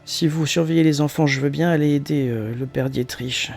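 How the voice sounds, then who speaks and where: A man's voice: on the high side, steady tone, fairly quick, gravelly, a little mellow, faint music behind, voice pushed up. Man putting on a quavering, willing old granny. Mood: hesitant, willing. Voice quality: quavering, aged voice. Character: kindly elderly granny volunteering to help.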